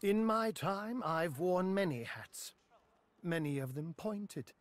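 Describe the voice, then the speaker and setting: This is a man performing the role of a mysterious, ancient wizard for a fantasy game. His voice sits high, his delivery is theatrical, measured and wryly tired, and the recording has no echo.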